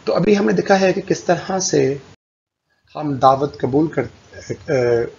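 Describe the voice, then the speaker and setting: A man teaching English phrases to learners, explaining in Urdu and slowly repeating each English sentence for them to copy. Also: expressive, creaky, darkish tone. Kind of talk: spoken language lesson with slides. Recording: dull lo-fi voice-over with faint rumble.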